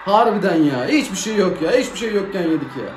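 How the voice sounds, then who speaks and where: A high-pitched man calls a football match live as he watches, jumping from yells to low grumbling in loose slang. He is in an echoey room with faint ambient noise behind him. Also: a little fast. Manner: excitable, swings between shouting and grumbling, casual slang. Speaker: football fan reacting to a match. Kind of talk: live match reaction commentary.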